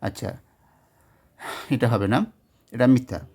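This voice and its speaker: A man teaching, working through exam question answers step by step, often pausing, correcting himself and checking that students follow. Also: mid-range voice, vocal fry, warm tone. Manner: explains step by step, checks in with "ঠিক আছে?"; frequent hesitations and self-corrections. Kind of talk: exam solution walkthrough.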